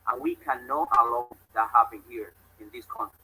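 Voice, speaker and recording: A man's voice: medium pitch, a little fast, pushed and bright, husky, low-quality recording. A man from Cuba, giving an emphatic, grateful public speech. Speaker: speaker at a public event.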